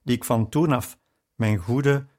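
A man reading a personal testimony in measured, earnest narration. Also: mid-range voice, darkish tone. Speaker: testimony reader. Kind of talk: scripted narration.

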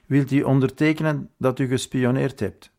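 A man's voice: medium pitch, fairly even intonation, normal speed, creaky, darkish tone, pitched above the performer's own voice, lightly acted. A man voicing a stern, bullying army major who barks his accusations in an audiobook. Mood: accusing. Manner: barking, accusing interrogation.

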